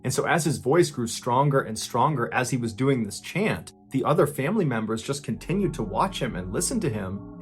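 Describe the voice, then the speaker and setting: Male podcast narrator, middle pitch, dramatic suspense delivery, soft music bed. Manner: suspenseful, swells louder at tense moments and drops low at grim ones. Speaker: podcast host and storyteller. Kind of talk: dramatic true-crime narration.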